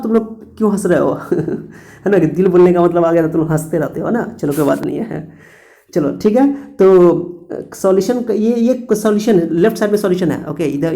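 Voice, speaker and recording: A man's voice: high-pitched, dark tone. A male chemistry teacher giving a classroom lecture, posing questions and answering them himself, often correcting his own slips.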